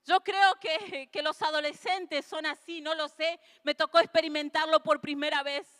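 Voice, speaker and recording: Very high-voiced woman pastor preaching. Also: fairly even intonation, moderate pace. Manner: earnest preaching that builds to emotional shouting. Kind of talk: sermon. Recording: long hall reverb.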